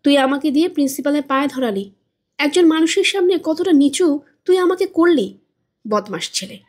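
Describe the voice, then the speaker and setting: A woman's voice: high voice, lively intonation, moderate pace, darkish tone. A woman reading as a stubborn scolding old mother.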